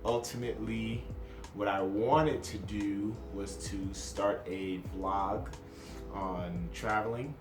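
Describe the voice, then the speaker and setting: Chatty low-voiced young man, echoey room. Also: fairly even intonation, takes it slowly, over music. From New Jersey, USA. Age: 20s. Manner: chatty, self-deprecating, jumps between topics. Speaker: vlogger. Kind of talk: casual to-camera introduction vlog.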